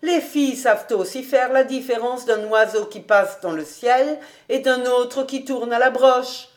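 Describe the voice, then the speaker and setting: An eager, chattering old housekeeper in a storybook reading, put on by a woman narrator. She coaxes and fusses in a raised, lively voice, with an unhurried pace. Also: a little high, voice pushed up, close to an everyday voice. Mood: reasoning. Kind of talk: audiobook character reading.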